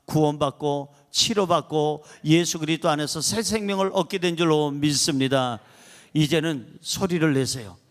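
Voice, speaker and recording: A middle-aged male pastor preaching with a notably high-pitched voice. He drives his points home emphatically, rising into loud exclamations and then dropping into low, quiet asides. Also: normal speed. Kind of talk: sermon.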